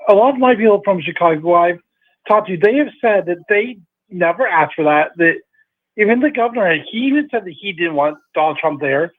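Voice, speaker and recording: A man's voice: sits high, lively intonation, fairly quick. A man from outside the US calling a radio show, earnest and hesitant, with many fillers. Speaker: caller. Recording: phone line.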